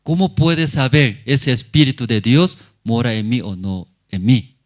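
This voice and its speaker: A man's voice: medium pitch, a little slow. A male pastor preaching a sermon at a church service, speaking in short, simple phrases and often turning to the congregation with questions.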